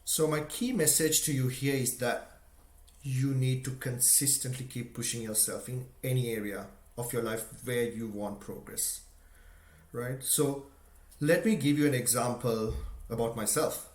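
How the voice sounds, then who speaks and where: A man's voice: mid-range voice, steady tone, a little slow, darkish tone. A man from Sri Lanka giving an earnest, conversational motivational talk, full of "you know" and "right?". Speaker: motivational speaker. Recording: echoey room.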